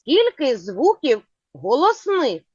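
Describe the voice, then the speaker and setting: Slow patient woman teaching children. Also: high-pitched, huge pitch swings, a little mellow, no room sound. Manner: slow, clear, patient questioning. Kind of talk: children's phonics lesson. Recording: dull lo-fi sound.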